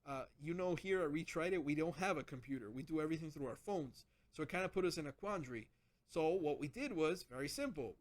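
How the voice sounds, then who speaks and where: A man hosting a casual gadget vlog, rambling with lots of restarts as he explains his setup. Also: a little high. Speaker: channel host.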